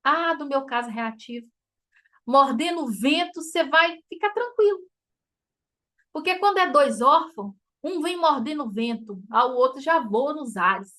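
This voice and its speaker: Brazilian woman teaching a faith class, high voice, chatty and emotional, laughs a lot. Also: lively intonation, a little slow, fairly bright tone. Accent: Brazilian Portuguese. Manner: chatty and emotive, addressing listeners as "gente", laughs often. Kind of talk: informal teaching talk to a group.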